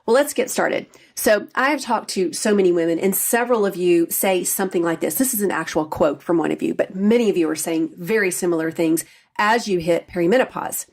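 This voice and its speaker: A woman's voice: on the low side, brisk. A middle-aged woman hosting a solo podcast as a health coach, talking in an earnest, personal, confiding way. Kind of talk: solo faith-based podcast talk.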